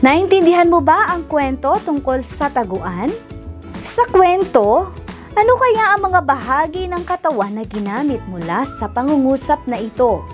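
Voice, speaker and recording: Woman teacher for a kids' lesson, high, very lively, slow and sing-song, faint music under. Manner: sing-song, exaggerated, encouraging. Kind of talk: children's lesson.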